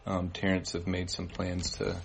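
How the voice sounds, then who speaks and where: A man giving church announcements, halting with many fillers. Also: low voice, monotone, gravelly, a little hiss or hum. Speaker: worship leader giving announcements. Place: church service.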